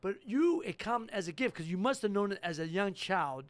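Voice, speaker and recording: A man's voice: high-pitched, expressive, normal speed, no echo. A man hosting a podcast, asking rambling, emphatic questions. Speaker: podcast host. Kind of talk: casual chat. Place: podcast studio.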